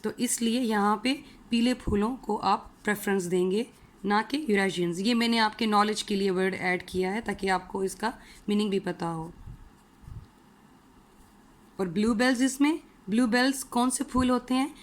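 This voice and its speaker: A woman teacher explaining an English poem, reading each line slowly and then explaining it in Hindi, often asking the students a question and answering it herself. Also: medium pitch. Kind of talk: recorded poetry lesson, line-by-line explanation.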